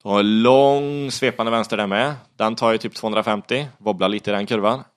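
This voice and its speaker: A young man casually retelling a story, animated, swearing often and acting out his own panic. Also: lowish voice, smooth.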